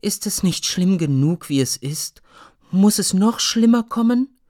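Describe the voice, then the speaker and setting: A man's voice: high-pitched, lively intonation, unhurried, darkish tone, voice pushed up. A man voicing a fearful, grieving peasant mother in a storybook reading, pleading in a small voice.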